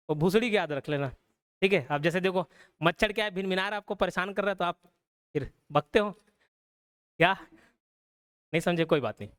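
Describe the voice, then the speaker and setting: A man's voice: sits high, a bit bright. A young adult man teaching a live online class, explaining casually and checking in with listeners with a frequent "okay?". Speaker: online exam-prep teacher.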